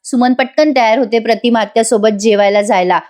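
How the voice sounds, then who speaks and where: A woman's voice: fairly high pitch, steady tone, a little fast, a little mellow. A woman narrating a voice-over recap of a TV serial, chatty and addressing viewers directly. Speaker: TV serial reviewer.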